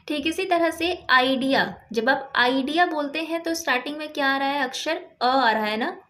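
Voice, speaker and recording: A woman's voice: high-pitched, fairly bright tone. A woman teaching a grammar lesson, patiently asking questions and answering them herself step by step. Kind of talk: explaining English grammar lesson.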